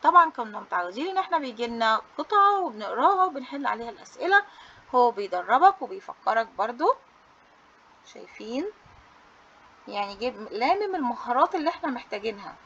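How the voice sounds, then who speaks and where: Bright, cheerful Egyptian woman teacher. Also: a little high, very animated, quick pace, lo-fi sound. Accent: Egyptian Arabic. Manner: cheerful, coaxing pupils as heroes; mixes English terms into Arabic. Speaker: English teacher. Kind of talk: book review for students.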